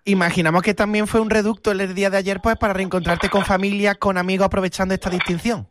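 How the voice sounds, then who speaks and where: A man's voice: high-pitched, little pitch movement, fast, background noise. A man hosting a radio interview, with a formal, announcer-like delivery. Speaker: radio host.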